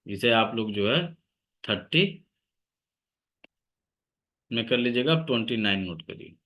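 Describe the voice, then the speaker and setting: Low-voiced man dictating acupressure points. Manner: dictates point names slowly, steady instructive tone. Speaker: acupressure teacher. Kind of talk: online class lecture.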